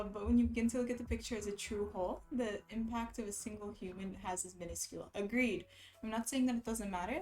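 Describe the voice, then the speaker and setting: A woman's voice: medium pitch, a little mellow. A woman livestreaming in casual chat, reading out and answering viewers' comments, of Palestinian origin. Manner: chatty, reads and answers chat aloud.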